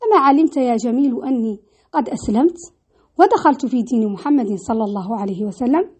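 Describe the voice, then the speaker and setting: A woman voicing a defiant, bold grown man from old Arabian history, speaking forceful declarations in a high voice. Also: animated, fast talker, husky.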